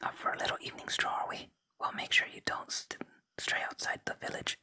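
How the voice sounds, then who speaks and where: A fairly quick, unvoiced whisper carries this ASMR let's play, very bright and crisp-edged, delivered close to the microphone. The host trades off reading dialogue aloud with quiet commentary, never leaving the gentle whisper.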